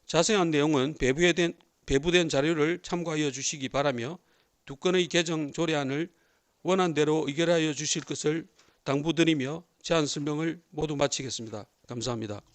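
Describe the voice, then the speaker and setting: A man who heads a district office department, giving a formal, measured explanation of a bill. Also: on the high side.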